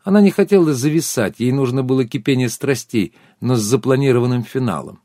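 A man voicing a teasing, sharp-witted brunette woman in an audiobook. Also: medium pitch, fairly quick, no echo, studio quality, natural voice. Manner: teasing, animated.

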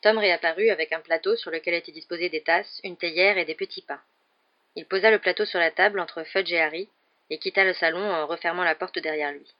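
A woman with a lowish voice narrating a storybook, calm and even. The recording is dull and lo-fi. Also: fairly quick. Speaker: audiobook narrator. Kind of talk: scripted narration.

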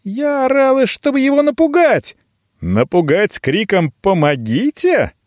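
A man voicing a feisty young woman, raising his voice higher into sharp, indignant lines, recorded dry and close. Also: big pitch swings, measured pace, dry recording.

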